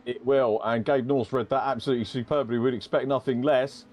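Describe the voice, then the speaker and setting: A man's voice: medium pitch, steady tone, a little fast, darkish tone. A man giving conversational motorsport commentary and analysis in a rambling, hesitant, self-correcting way.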